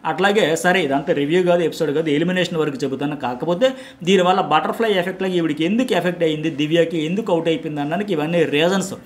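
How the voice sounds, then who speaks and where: This middle-aged Indian journalist gives a solo commentary on a reality show, talking very fast in a voice a little high for a man. Emphatic and animated, he hammers his points home by repeating words.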